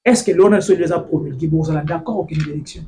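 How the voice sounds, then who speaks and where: A man hosting a political talk show, interjecting often and pushing his guest to answer quickly. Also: fairly high pitch, dark tone, a little hiss or hum. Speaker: TV debate host.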